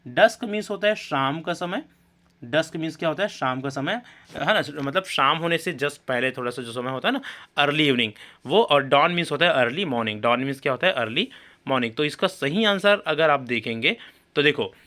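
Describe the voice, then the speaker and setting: Male grammar tutor, bright and slightly high, reads questions slowly, explains in a conversational, checking-in manner. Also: lively intonation. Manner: reads English questions slowly, then explains in Hindi with frequent "है ना" and "ठीक है". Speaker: English grammar teacher. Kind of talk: exam-prep lesson explaining multiple-choice questions.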